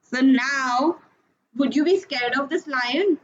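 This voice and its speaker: A woman's voice: sits high, slow. A woman teaching an online class for children, encouraging and coaxing them with frequent praise. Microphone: video call. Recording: dull video-call audio with noise.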